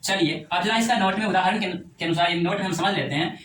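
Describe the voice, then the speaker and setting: High-voiced man teaching a grammar lesson. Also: fairly bright tone. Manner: repetitive, drawn-out explanations with rhetorical questions. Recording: roomy, distant, faint background noise.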